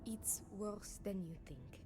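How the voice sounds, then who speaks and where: A woman's voice: medium pitch, animated, slow. An actress playing a sickly, guarded young runaway woman from a space colony in video game dialogue. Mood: bitter, anxious. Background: loud background music.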